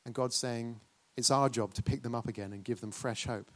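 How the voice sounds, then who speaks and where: A man's voice: mid-range voice, fairly even intonation, brisk. A man preaching a sermon, questioning and urging the congregation.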